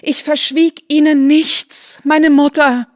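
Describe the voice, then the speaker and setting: A woman's voice: on the high side, unhurried, dark tone. A woman voicing a distraught, pleading young widowed noblewoman in a literary reading. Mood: desperate. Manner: earnest, pleading, solemn.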